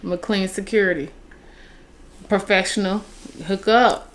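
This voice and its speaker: A woman's voice: medium pitch, fairly even intonation, takes it slowly, rough recording. Blunt, dry-voiced woman co-host. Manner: dry, blunt replies, reads sponsor plugs. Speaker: podcast co-host. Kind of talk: casual chat.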